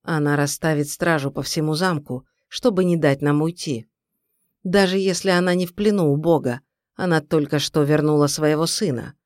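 A woman reading a calm, grave young king. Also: low-pitched, dry recording, clean studio sound, natural voice. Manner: measured, reassuring, grim. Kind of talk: audiobook character reading.

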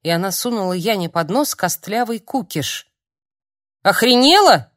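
A woman narrating an audiobook in a calm, measured reading. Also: medium pitch, dry recording, studio quality. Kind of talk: scripted narration.

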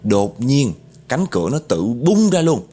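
A man narrating a horror story in an animated way, speaking directly to his listeners. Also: medium pitch, measured pace, slightly rough.

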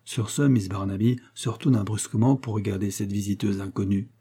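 A man reading a classic novel aloud in measured, even storytelling narration. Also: lowish voice, breathy edge. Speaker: audiobook reader.

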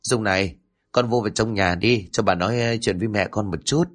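A man's voice: lowish voice, a bit bright. A man doing a blunt, gossipy old village woman. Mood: gossiping. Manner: rapid gossipy chatter, coarse familiar address. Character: older village woman, blunt nosy neighbor.

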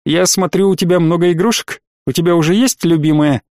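A man as a gentle, kindly inspector. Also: a little high, fairly quick, no room sound, studio quality, close to an everyday voice. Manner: calm, kindly. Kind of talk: audiobook reading.

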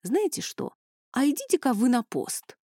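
A woman's voice: sits high, big pitch swings, moderate pace, dark tone, no echo, pitched above the performer's own voice. A woman narrator voicing a confident young man with dragon blood, speaking bluntly and firmly, recorded dry and close. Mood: firm, brisk. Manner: blunt, commanding.

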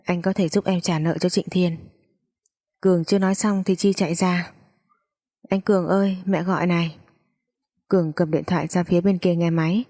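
A woman reads a first-person story aloud at an even, steady pace. Her voice sits low and sounds mellow and soft-edged. She voices every character herself. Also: brisk. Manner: plain steady reading, voicing all the characters.

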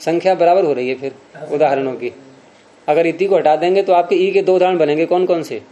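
Man, teacher, patient classroom explanation, raised pitch, warm dark tone. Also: highs cut off. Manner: patient, questioning students, slows to spell out examples. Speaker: Sanskrit grammar teacher.

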